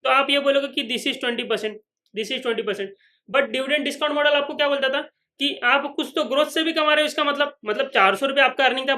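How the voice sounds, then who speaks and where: A man's voice: very high-pitched, pushed and bright. A man teaching a finance lecture at a whiteboard, who repeats each point and keeps checking that the students follow. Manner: voices imagined students' questions.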